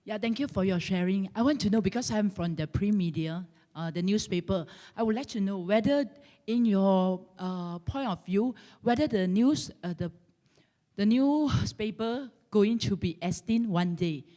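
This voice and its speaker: A woman from Malaysia asks a halting question from the audience, searching for her words. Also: mid-range voice, expressive, dark tone. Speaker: audience member asking a question. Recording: reverberant conference hall.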